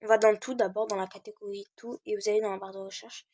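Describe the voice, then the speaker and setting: A woman's voice: mid-range voice, flat delivery, fast talker, dark tone, breathy edge, no echo, clean studio sound. A teenage girl giving a casual screen-recorded game tutorial, hesitating often with fillers while she searches.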